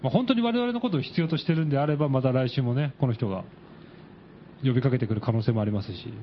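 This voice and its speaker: A man's voice: mid-range voice, expressive, fast, muffled recording, slight background noise. A man co-hosting a casual radio chat, wry and skeptical, with frequent short agreeing replies. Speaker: radio co-host.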